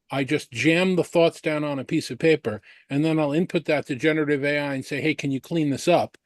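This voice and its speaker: A man's voice: a little high, dry recording. A man debating on an analyst panel, laying out his points one by one with frequent restarts.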